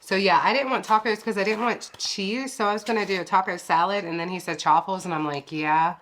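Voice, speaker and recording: A woman's voice: mid-range voice, fairly even intonation, brisk, fairly bright tone, slight background noise. A woman co-hosting a home cooking vlog, talking in a chatty, laid-back way from her kitchen. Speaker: keto vlog co-host. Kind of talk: casual chat.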